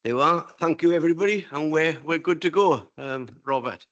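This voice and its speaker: A man with a fairly high voice explains procedure at a council meeting. He is informal and practical, halting and restarting as he gives instructions. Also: fairly bright tone, dull audio.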